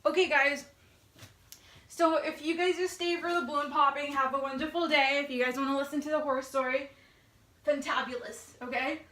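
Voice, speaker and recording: A woman's voice: high-pitched, fairly even intonation, normal speed, sharp tone, roomy sound. A woman chatting casually to camera at home, bubbly and a bit out of breath, with lots of fillers. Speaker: YouTube vlogger. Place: home, indoors.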